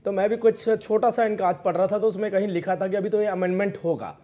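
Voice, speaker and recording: A man with a high voice joins a television debate panel by phone, and his sound is thin and narrow. He sets out his argument in a measured, explanatory way, turning to speak straight to his opponents. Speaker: opposition party panelist. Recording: tinny phone-line connection.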